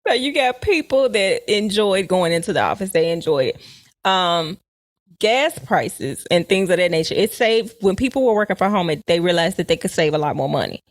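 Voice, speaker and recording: A woman's voice: fairly low pitch, animated, normal speed, dry recording, studio quality. A woman co-hosting a casual podcast, talking at length with many fillers. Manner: talkative, frequent fillers and laughter. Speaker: podcast co-host.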